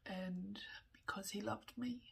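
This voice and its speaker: Whispery, tearful woman talking slowly. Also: mid-range voice, steady tone. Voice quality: breathy whispering. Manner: slow, halting, candid, with small laughs. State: tearful, nose running. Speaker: vlogger. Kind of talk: personal confessional vlog.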